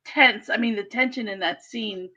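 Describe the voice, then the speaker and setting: A woman's voice: fairly high pitch, normal speed, bright, forceful tone, muffled recording. A woman host who asks chatty, hesitant interview questions full of ums.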